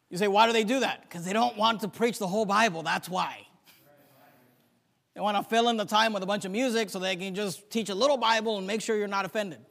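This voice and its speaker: A man with a notably high voice preaches from the pulpit, pressing his points with force and then easing off into quiet asides. He recites scripture in old-fashioned biblical wording. His voice rolls out into a long, reverberant church hall. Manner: emphatic preaching, swinging between loud declarations and quiet asides. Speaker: pastor. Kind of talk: sermon. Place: church sanctuary.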